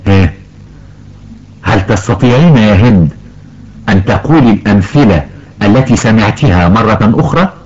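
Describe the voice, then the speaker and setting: A man playing an elderly grandfather who patiently teaches Quran recitation rules to his granddaughter, slowly drawing out example words. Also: lowish voice, animated, a little mellow, breathy edge. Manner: slow, careful explaining, stretches out example words. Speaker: tajweed teacher. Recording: dull lo-fi recording.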